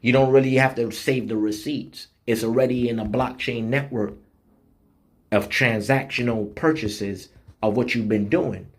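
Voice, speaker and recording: A man preaching an online sermon in a blunt, street-style manner, slowing down to read scripture with emphasis and using rhythmic repetition. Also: mid-range voice, fairly even intonation. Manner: slows down and reads scripture with emphasis.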